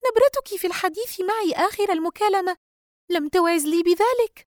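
A woman voicing an anxious young female friend in an audiobook, speaking in a high, breathless, worried way. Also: fairly quick, no echo, studio quality.

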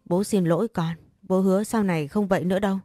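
A woman's voice: medium pitch, steady tone, fast talker, warm tone, dry recording, studio quality, soft background music, lightly acted. A woman voicing an ashamed older father who begs his daughter for money, speaking hesitantly and stammering. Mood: pleading, ashamed.

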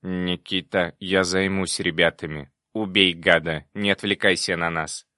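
A man voicing a cheerful, chatty little male demon who talks briskly. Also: low-pitched, flat delivery, bright, forceful tone, no echo, studio quality.

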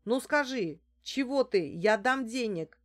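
A woman reading an audiobook, voicing an excitable, pushy male street hustler who shouts and haggles. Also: medium pitch, unhurried, natural voice. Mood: shouting.

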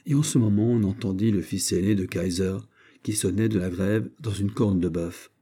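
A man narrating a classic novel as an audiobook in a steady storytelling manner. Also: sits low, moderate pace, breathy edge. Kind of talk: scripted narration.

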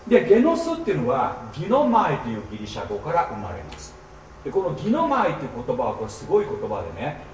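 A man preaching at a seminar, teaching with lively emphasis and often checking in with his listeners. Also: a little high, a little hiss or hum. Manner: animated teaching with frequent rhetorical checks. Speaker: pastor. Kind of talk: seminar sermon. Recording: echoey hall, mic at a distance.

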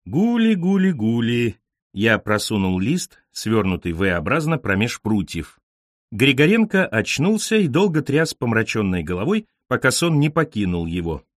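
A man's voice: on the low side, big pitch swings, normal speed, no room sound. A man reading a literary story aloud in a theatrical, ironic narrating voice, recorded close.

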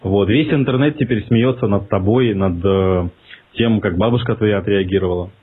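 Prank caller, male, husky, on a thin phone line, mocking and provocative. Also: lowish voice, moderate pace.

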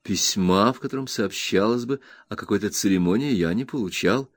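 A man narrating a literary audiobook in an expressive storytelling manner. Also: on the low side, fairly quick, no echo, clean studio sound.

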